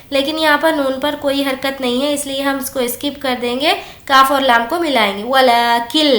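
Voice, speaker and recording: Woman with a high voice teaching quran reading, slow drawn-out recitation, echoey room. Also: bright, forceful tone. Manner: explains rules plainly, then recites words slowly and drawn out. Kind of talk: slow word-by-word recitation lesson.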